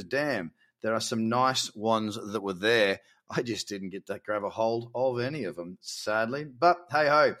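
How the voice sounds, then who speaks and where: A man's voice: medium pitch, a bit bright. Aussie guy in his 30s, chatty crypto update, fixes his numbers as he goes, upbeat pep talk vibe. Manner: chatty, encouraging, corrects himself mid-sentence. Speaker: crypto market vlogger.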